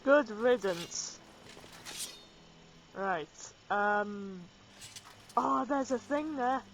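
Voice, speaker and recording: Slow-talking woman playing a game. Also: on the high side, expressive, a little hiss or hum, low-quality recording. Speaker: gamer reading dialogue choices. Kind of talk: let's play commentary.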